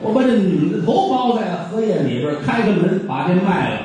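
A man's voice: high-pitched, big pitch swings, a little fast, darkish tone. A man playing a sly middle-aged male butcher who rambles glibly through a confession. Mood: confessing. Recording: very echoey hall from far off.

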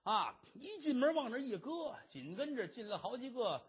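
A storyteller performing a traditional tale in an animated, dramatic manner, on a dull lo-fi recording. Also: mid-range voice, normal speed, slightly rough.

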